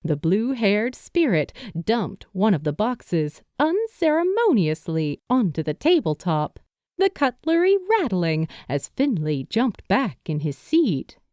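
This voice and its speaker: Slow, expressive woman narrating a novel. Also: mid-range voice, no echo, studio quality. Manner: expressive, unhurried storytelling. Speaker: audiobook narrator. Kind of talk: scripted audiobook narration.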